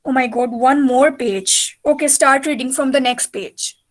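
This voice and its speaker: A woman's voice: high-pitched, a little slow. A woman tutoring in an informal reading lesson, explaining a story hesitantly and repetitively in simple words. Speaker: mother tutoring her child in English reading.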